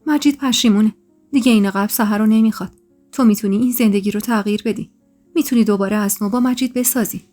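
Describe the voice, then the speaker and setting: A woman voicing an anxious young woman who urgently pleads with her friend, in a raised voice, over soft background music. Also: medium pitch, fairly even intonation, close to an everyday voice. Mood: pleading.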